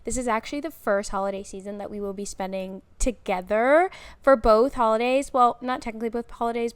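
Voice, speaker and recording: A woman's voice: medium pitch, dry recording. A woman in her mid-twenties co-hosting a podcast, chatting casually and laughing often. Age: 20s. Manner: giggly, chatty, searches for words. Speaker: podcast co-host. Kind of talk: casual chat.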